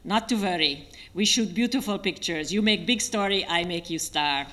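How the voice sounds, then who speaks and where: A woman's voice: fairly low pitch, normal speed, sharp tone. A woman reading aloud, voicing a tall, elegant male cameraman who talks in confident, clipped phrases.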